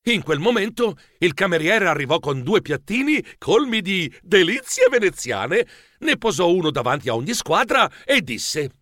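A man reads a children's storybook aloud with an animated, expressive delivery. His bright, fairly high voice leaps up and down, and the sound is close and dry. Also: moderate pace, dry recording. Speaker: audiobook narrator. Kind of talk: lively storybook narration.

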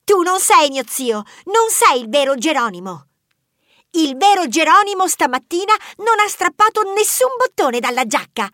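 A woman voicing a clever little boy mouse in a storybook, speaking in a soft, deliberate, squeaky way. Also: big pitch swings, no echo, clean studio sound. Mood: firm. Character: clever little male mouse nephew, calm and sure.

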